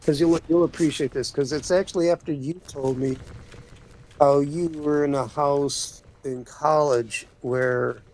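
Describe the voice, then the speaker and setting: Man, gravelly voice, slightly high pitch, rambling casual talk, faint hiss. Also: fairly even intonation, measured pace, a little mellow, rough recording. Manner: rambling, many restarts and trailing off. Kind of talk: casual spiritual chat.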